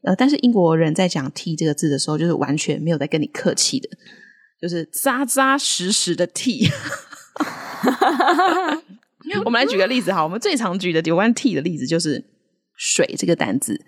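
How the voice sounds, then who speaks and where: Woman host, low and husky, very animated delivery, casual teaching patter with lots of laughter. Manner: laughs often, models English words slowly. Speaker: podcast co-host teaching English accents. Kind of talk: casual language-lesson chat.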